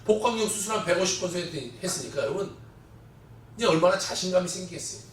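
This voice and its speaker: A man's voice: sits high, expressive, fast, a little hiss or hum. A male pastor preaching a Sunday sermon, telling a story and acting out the voices of the people in it. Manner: storytelling, quotes voices with dramatic swings in loudness. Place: church sanctuary. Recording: echoey church hall, distant mic.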